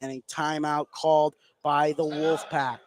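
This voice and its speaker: A radio sports announcer calls live play-by-play for a basketball game from an indoor gym. His voice is on the high side, flat in delivery, and measured in pace, with clear background noise and live gym ambience around him.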